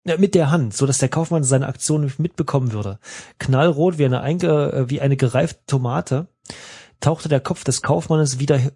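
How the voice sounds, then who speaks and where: A man's voice: mid-range voice, normal speed, warm tone, husky. A man reading a text adventure aloud while playing, with joking asides and small stumbles. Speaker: game player reading aloud. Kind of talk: let's play, reading game text aloud.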